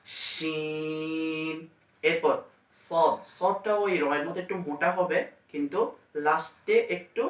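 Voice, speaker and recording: A man teaching pronunciation step by step, demonstrating each letter slowly and carefully. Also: high-pitched, distant mic. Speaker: Quran teacher. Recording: echoey room, mic set back.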